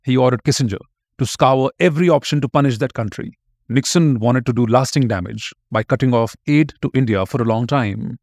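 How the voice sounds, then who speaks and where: A man's voice: mid-range voice, a little fast, darkish tone, dry recording, clean studio sound. A man giving scripted narration as a history podcast narrator, reading out quotes in a storytelling tone.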